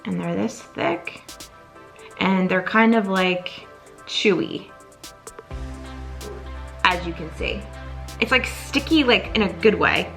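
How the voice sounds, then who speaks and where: Bright-voiced upbeat woman vlogger. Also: mid-range voice, slow, gravelly, pauses often, soft background music. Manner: chatty, upbeat, frequent "like" fillers. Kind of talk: casual product review vlog.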